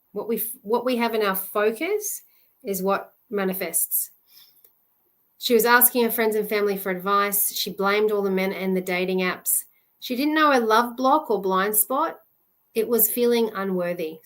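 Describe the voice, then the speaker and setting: A woman love coach giving a live presentation in an earnest, halting way, often restarting her sentences. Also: mid-range voice.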